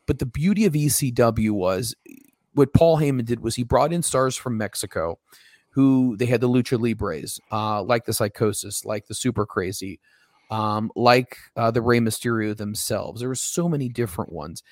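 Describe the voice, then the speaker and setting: A man's voice: medium pitch, normal speed, a little mellow, no room sound, clean studio sound. A man hosting a wrestling podcast, chatting casually and with enthusiasm. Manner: enthusiastic wrestling fan, rambling. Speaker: podcast host.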